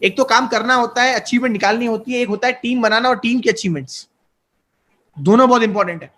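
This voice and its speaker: A network marketing guest in his twenties, whose voice is extremely high and fairly bright, speaks fast in a motivational interview. He's earnest and persuasive, mixing in English terms.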